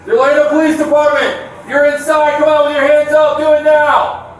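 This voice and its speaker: Cop on a megaphone, high flat voice, loud repeated commands, bodycam echo from far away. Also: male voice, normal speed, soft background music. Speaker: police officer. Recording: echoey bodycam audio from far off.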